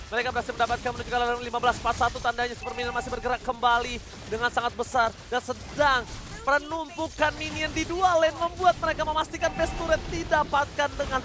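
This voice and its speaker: A man with an Indonesian accent doing live play-by-play of an esports match as a hyped fighting game announcer. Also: extremely high pitch.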